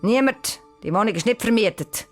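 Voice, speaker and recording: A woman's voice: on the high side, lively intonation, normal speed, a little mellow, soft background music, close to an everyday voice. A woman with a Swiss German accent voicing a curt, grumpy male caretaker in a storybook. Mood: brusque. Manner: curt, dismissive. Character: gruff grumpy male building caretaker, middle-aged.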